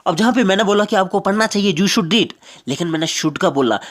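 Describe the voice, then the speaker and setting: A man from Jammu and Kashmir, a teacher giving an explanatory grammar lecture and repeating each point slowly with English examples. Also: high-pitched, expressive, fairly bright tone.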